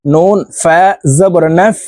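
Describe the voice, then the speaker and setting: Bangladeshi guy teaching quran letters, drags out each syllable nice and slow, soft mellow voice, dry sound. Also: high voice, no echo. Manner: slow drawn-out syllable chanting between quick explanations. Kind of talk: recitation lesson with repeat-after-me drills.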